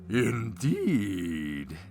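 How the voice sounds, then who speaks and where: A man's voice: lowish voice, wildly swooping pitch, drawn-out words, gravelly, mellow, soft background music, exaggerated voice. A man voicing a haughty, cold young baron in a gothic tale, with a hammy, theatrical, laconic delivery. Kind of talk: dramatic reading of gothic tale.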